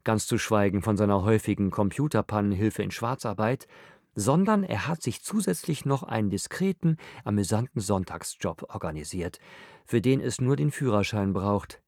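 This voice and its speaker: A male narrator reads in a low, wry, measured voice. The recording is dry and close, with no room sound around him. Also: animated, darkish tone, dry recording. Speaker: audiobook narrator. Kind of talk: scripted narration.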